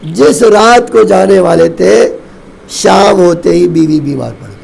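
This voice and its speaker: A man, a Shia cleric, telling a story in a mournful devotional sermon, with emotive sudden rises and drops and slow, drawn-out phrases at key points. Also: high-pitched, creaky, a little mellow, breathy edge, rough recording. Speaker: Shia cleric reciting a majlis.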